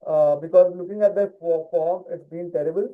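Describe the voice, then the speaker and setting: A man's voice: fairly high pitch, fairly even intonation, brisk. A man co-hosting a casual football chat, talking with many fillers and restarts. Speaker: podcast co-host. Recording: tinny phone-like line.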